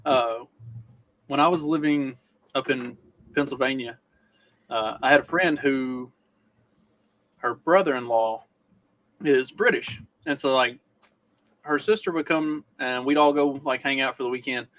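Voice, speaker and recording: A man with a Southern US accent, chatting casually as a podcast co-host. He tells stories in an easygoing way, with a voice of ordinary middle pitch. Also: measured pace, long pauses, fairly bright tone, low-quality recording. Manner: easygoing storyteller. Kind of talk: casual chat.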